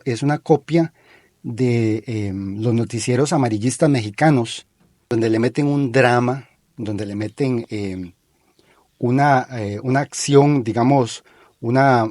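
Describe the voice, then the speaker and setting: A man's voice: medium pitch, a little mellow, no room sound. Opinionated Costa Rican man, dry sound. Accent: Costa Rican Spanish. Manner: opinionated, analytical, pauses with frequent fillers. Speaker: talk show host. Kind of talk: critical discussion.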